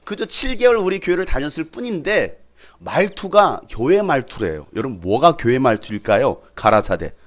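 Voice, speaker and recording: A man's voice: mid-range voice, normal speed. A man preaching a sermon as pastor, putting questions to the congregation and acting out quoted speech. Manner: animated, asks the congregation questions and acts out quotes.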